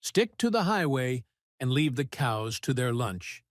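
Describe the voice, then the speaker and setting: A woman voicing a cheerful, confident cartoon father in a children's animated story, with a breezy, reassuring manner. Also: extremely low pitch, measured pace, dry recording, studio quality, exaggerated voice. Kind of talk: animated kids' cartoon dialogue.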